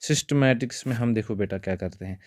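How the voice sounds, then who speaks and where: A man's voice: medium pitch, fast, no room sound. A male biology teacher giving an exam-prep lecture, calling his students "beta" again and again and mixing English terms into his talk.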